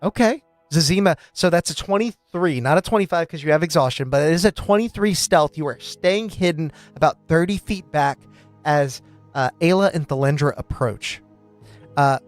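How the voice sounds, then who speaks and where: A man narrating a live-streamed tabletop game as game master, chatty and quick to laugh, with lots of fillers. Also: a little high.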